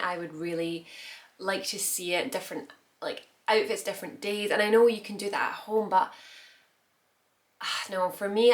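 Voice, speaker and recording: Chatty woman in her thirties, rambling. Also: medium pitch. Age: 30s. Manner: chatty and rambling, with frequent restarts and soft laughs. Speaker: beauty vlogger. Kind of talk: casual get-ready-with-me chat.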